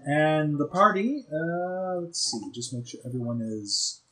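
Game master, male, lively swooping pitch, hesitant and halting. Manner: hesitant, many ums and restarts. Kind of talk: running a tabletop game over video call.

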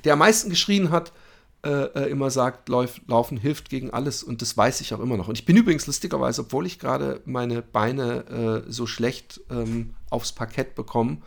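A man hosts a solo podcast into a microphone, his voice gravelly and mid-pitched. He talks openly and frankly, often stalling on fillers and starting sentences over. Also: steady tone, moderate pace, few pauses. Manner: hesitant, many fillers and restarts; candid, openly emotional. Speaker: podcast host.

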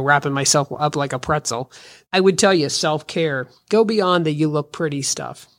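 A woman's voice: deep voice, vocal fry. A woman in her fifties hosting a solo podcast, talking in an earnest, encouraging, conversational way. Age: 50s. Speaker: podcast host.

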